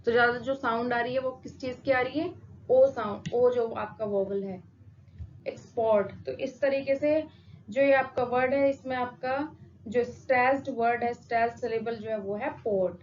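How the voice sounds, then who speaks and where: Woman teacher, slow patient lesson, fairly high voice, dull lo-fi audio with faint hiss. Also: steady tone. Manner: slow, patient, repeats example words. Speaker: English teacher. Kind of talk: explanatory lesson. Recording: dull lo-fi sound with faint noise.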